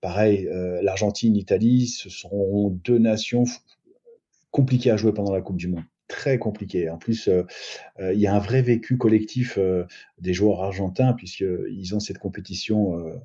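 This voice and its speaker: Low husky man, muffled recording. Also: moderate pace, mellow. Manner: thoughtful, many hesitations and restarts. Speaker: guest sports agent. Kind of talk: casual podcast analysis.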